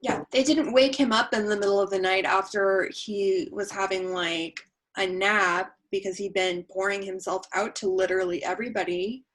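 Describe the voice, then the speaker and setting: A woman with a mid-pitched voice joins a casual faith discussion. She thinks aloud, pausing and reaching for words with plenty of fillers. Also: fairly even intonation, a bit bright. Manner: thoughtful, halting, with many fillers.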